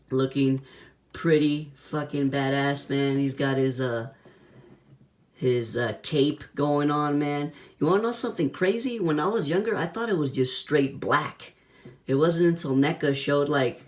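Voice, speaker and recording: A man giving a casual hands-on toy review in laid-back, slangy talk, with a whistle on his s sounds. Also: medium pitch.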